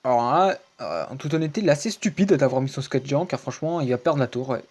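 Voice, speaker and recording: Recording a voice-over from his home screen capture, a gaming channel host chats through a recorded match in casual, rambling commentary. His medium-pitched, darkish voice is expressive and quick, full of fillers, restarts and repeated stock phrases.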